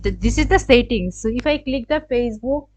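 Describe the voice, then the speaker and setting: A woman from Bangladesh with a Bangladeshi English accent, hosting a screen-recorded software tutorial, hesitant and thinking aloud with many fillers. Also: on the high side, animated, a little fast, no echo, faint music behind. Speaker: tutorial channel host. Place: indoors at a computer.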